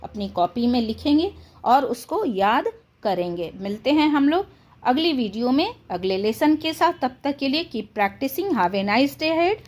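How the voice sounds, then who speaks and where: A woman teaching a lesson to students. She reads each English line slowly, then explains it line by line. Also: high voice, animated, a little mellow.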